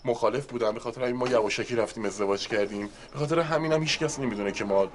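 A man's voice: medium pitch, slight background noise, close to an everyday voice. An actor playing a flustered young man who stammers and pleads while hiding his secret marriage. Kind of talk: TV comedy drama acting.

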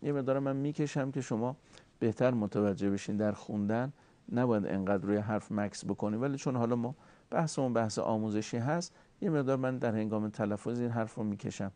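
A man giving a formal recitation lesson, courteous and deliberate, slowly drawing out sounds to show how they are made. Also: mid-range voice, warm tone, no room sound. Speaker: Quran recitation teacher.

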